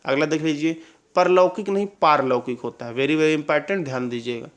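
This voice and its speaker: A man teaching an exam-prep Hindi lesson, drilling correct spellings and checking with quick questions. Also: fairly high pitch, expressive. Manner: drills answers with repeated questions and "clear?" checks.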